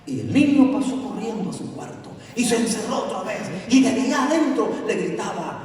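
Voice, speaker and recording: A man preaching a storytelling sermon, his high voice swinging widely in pitch. He calls on the congregation to join in. He sounds distant, with long reverb ringing around a big hall. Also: fairly quick, crowd noise. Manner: animated, asks the congregation to repeat after him. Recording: echoey hall, voice from far off.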